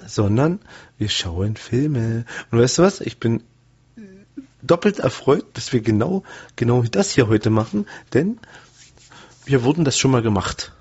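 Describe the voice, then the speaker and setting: A man's voice: mid-range voice, expressive, unhurried, a little mellow, slightly rough, highs cut off. A man talking through a voice morphing filter, joking around in a casual podcast chat. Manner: jokey, joshing banter.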